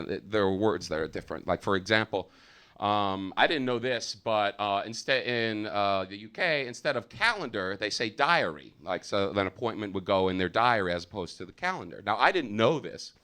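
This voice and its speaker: A young American man doing a stand-up comedy set on stage, loud and swearing, his voice jumping high on punchlines. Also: clear, resonant tone. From United States. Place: comedy theater with a live audience.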